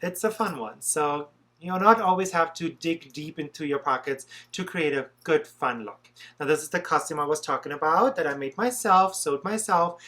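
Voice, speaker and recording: A man's voice: a little high, moderate pace, few pauses, pushed and bright. A young man doing a makeup tutorial vlog as a drag performer, chatty, playful and sassy.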